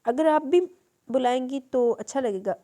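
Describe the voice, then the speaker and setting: A woman's voice: high voice, normal speed, dark tone, pitched above the performer's own voice, lightly acted. A woman reading as a smug teasing young man.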